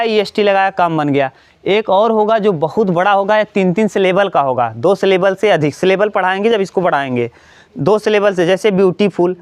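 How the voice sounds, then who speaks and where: High, clear-voiced man teaching grammar. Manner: explains step by step, asks students questions and repeats key words. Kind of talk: classroom grammar lesson.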